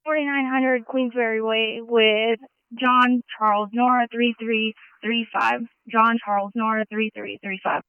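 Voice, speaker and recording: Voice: mid-range voice, level tone, measured pace, long pauses, smooth, no room sound. Police radio dispatcher, clipped codes, muffled lo-fi channel, kinda far off. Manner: clipped, procedural radio codes and unit numbers. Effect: police radio transmission. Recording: dull lo-fi radio channel, distant.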